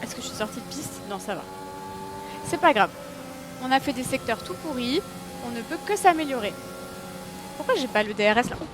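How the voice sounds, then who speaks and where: A woman's voice: fairly high pitch, a little fast, pauses often, loud music behind the voice. A woman streaming a racing game, chatting to her audience, yelping at her mistakes and poking fun at herself. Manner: excitable, talks to her audience, yelps and self-mocks. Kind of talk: live gameplay commentary. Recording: racing game engine noise behind.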